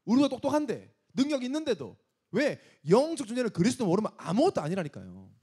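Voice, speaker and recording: A man's voice: very high-pitched, huge pitch swings, fast talker, warm tone, slightly rough. A man preaching an emphatic sermon to young adults as pastor, scolding and asking rhetorical questions.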